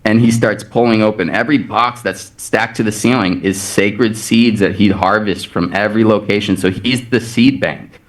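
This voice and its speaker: A man's voice: fairly low pitch, steady tone, normal speed, hardly any pauses. A man on a video call, a podcast guest animatedly retelling a personal story full of quoted back-and-forth. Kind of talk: anecdotal storytelling in casual chat.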